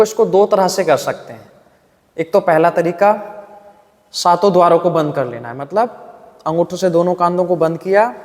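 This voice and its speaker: A man leads a yoga breathing lesson in a calm, patient voice, explaining each step and demonstrating the breaths and hums aloud. His voice sits fairly high for a man. A long reverb trails after his words. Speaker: yoga instructor.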